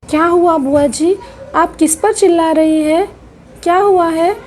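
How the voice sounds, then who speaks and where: A woman voicing a caring young husband who reasons calmly and firmly in a doll-play soap drama. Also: very high voice, measured pace, slight background noise.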